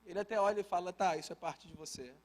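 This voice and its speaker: A Brazilian pastor with a fairly high voice preaches to his congregation. He moves easily between scripture and a homely family anecdote, talking to the people in front of him as if chatting with friends. He keeps slipping in playful asides to the room. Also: fast talker. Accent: Brazilian Portuguese. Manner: conversational, humorous asides to the congregation. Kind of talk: sermon with personal storytelling. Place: church service.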